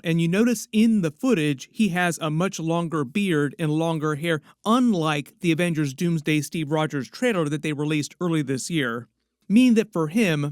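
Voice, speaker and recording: A man's voice: on the high side, no room sound, studio quality. A man giving casual movie-news commentary in a rambling, speculative way with frequent asides.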